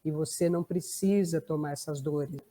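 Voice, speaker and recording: A woman's voice: low voice, fairly even intonation, normal speed, mellow. A woman with a Brazilian Portuguese accent, a family constellation therapist explaining a case in a conversational way. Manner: conversational, tag questions. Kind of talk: explanatory talk.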